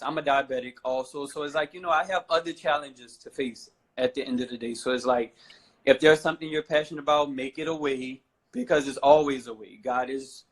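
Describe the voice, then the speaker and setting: A medium-pitched man in his twenties from New Orleans, USA, appears as a talk-show guest; he's a fashion model. He talks casually and rambles, repeatedly saying "you know" and "I feel like," and the audio quality is poor.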